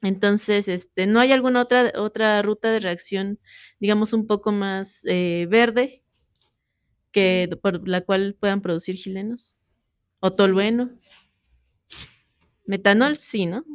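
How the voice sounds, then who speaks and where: A woman's voice: medium pitch, fairly even intonation, takes it slowly, pauses often, clear, resonant tone, dry recording. Professor woman giving class feedback. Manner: explanatory, repeats tag questions, many fillers. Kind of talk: classroom feedback on a student presentation.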